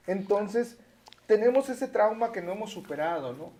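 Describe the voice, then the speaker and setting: A man's voice: high voice, animated, moderate pace, dark tone, slight background noise. A man with a Mexican accent, a teacher and guest, explaining his views in an easy lecturing way with frequent tag questions. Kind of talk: casual interview chat.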